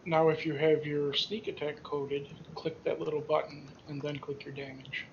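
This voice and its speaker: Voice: mid-range voice, steady tone, moderate pace, gravelly. A player in an online tabletop game who walks the others through the controls in a helpful way. The voice sounds muffled and lo-fi, with a faint hiss behind it. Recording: dull lo-fi voice chat with faint noise.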